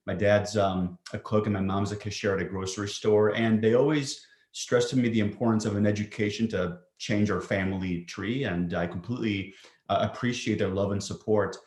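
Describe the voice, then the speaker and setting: Guy psychiatrist guest, kinda low voice, thinks out loud w/ lots of ums, echoey room. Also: fairly even intonation, a little fast. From Greece. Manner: thoughtful, with frequent ums and restarts. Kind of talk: conversational interview answers. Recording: roomy echo.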